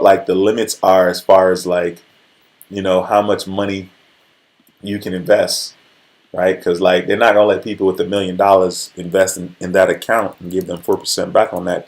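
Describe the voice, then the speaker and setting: A man in his forties hosts a casual motivational livestream, chatting conversationally and often checking in with his listeners. He has a deep voice with a darkish tone.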